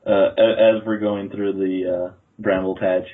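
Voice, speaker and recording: A man playing a tabletop storytelling game, speaking in a slow, stammering way. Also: fairly low pitch, little pitch movement. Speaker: player. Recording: tinny phone-like podcast audio.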